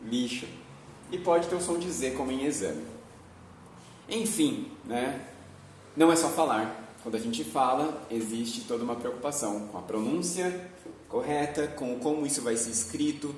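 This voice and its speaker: A man's voice: medium pitch, normal speed. A man with a Brazilian accent giving a video lesson as a Portuguese teacher, explaining patiently and often adding tag questions. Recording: very echoey room, voice from far off, faint noise.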